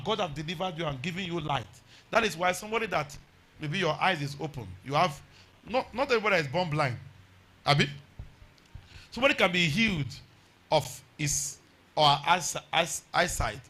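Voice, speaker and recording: High, bright-voiced Nigerian revival preacher, a man. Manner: emphatic, exhorting, with repeated phrases and rhetorical questions to the congregation. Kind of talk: revival sermon.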